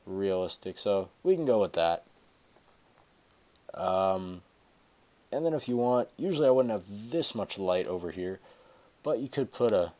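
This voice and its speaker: A teen with a stuffy nose hosts a casual screen-recorded tutorial, speaking into a headset in a small room at home. His voice is lowish and a little mellow, and he rambles along with fillers and self-corrections.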